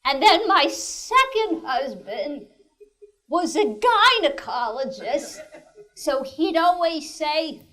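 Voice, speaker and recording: Woman doing a high-voiced, slow-drawling bride with deadpan jokes, stage show. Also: heavily acted. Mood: wry. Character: much-married bride, toasting her father, wry.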